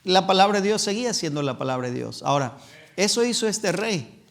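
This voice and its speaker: Male evangelist, fairly high voice, emphatic church sermon, slow deliberate scripture reading. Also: lively intonation, creaky. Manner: emphatic preaching, voices imagined excuses in a raised voice; reads scripture slowly and deliberately.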